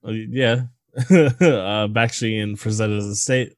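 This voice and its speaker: A man's voice: lowish voice, takes it slowly, dry recording. A man co-hosting a casual movie podcast, crude and joking, rambling with fillers. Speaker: podcast co-host.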